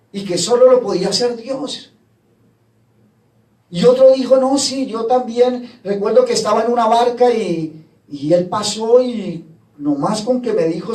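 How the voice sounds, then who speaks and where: A man's voice: high-pitched, warm tone. A man preaching a sermon, retelling gospel scenes and voicing the people in them. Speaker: pastor. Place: church hall. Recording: echoey church from far off.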